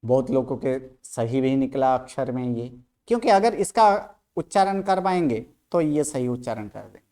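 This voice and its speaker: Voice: medium pitch, sing-song, normal speed, dark tone. A teacher giving an online language lesson, who keeps asking the class questions and repeats each sound aloud to drill pronunciation.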